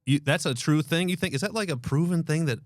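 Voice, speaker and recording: A man's voice: a little high, quick pace, no room sound. An American man hosting a podcast, chatting casually and joking, often acting out quotes in a raised voice. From United States. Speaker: podcast host. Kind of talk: casual interview chat.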